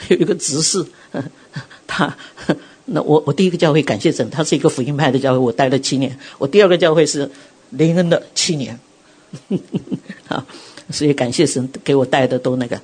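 Middle-aged woman preacher, bit husky, sermon full of stories, acts out the quotes. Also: sits low. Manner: animated storytelling, acts out quotes. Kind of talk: sermon with personal testimony.

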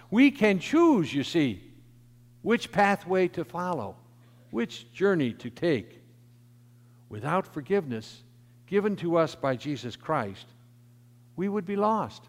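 Man preaching in an echoing church. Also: a little high. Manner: emphatic preaching that swells in volume, then drops to soft. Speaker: pastor. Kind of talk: sermon. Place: church sanctuary. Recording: long church reverb.

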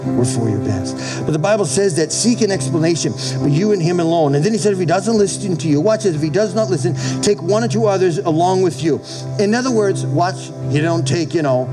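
A man's voice: fairly high pitch, lively intonation, fairly quick, over music, rough recording. A middle-aged man preaching a conversational church sermon as a pastor, folksy and emphatic, repeating phrases and prompting listeners for amens.

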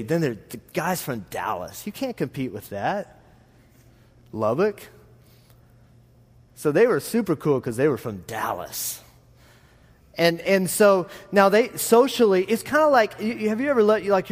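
A man with a rural Texas drawl preaching conversationally, in a folksy, rambling, self-deprecating way. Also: fairly high pitch. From Texas, United States. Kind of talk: conversational sermon with anecdotes. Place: large reverberant room, preaching to a congregation. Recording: reverberant hall sound.

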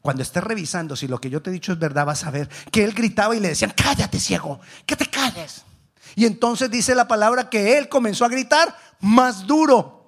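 A man preaching a sermon, swinging between loud exhortation and hushed asides, acting out the voices of biblical characters. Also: high voice, lively intonation, fairly quick.

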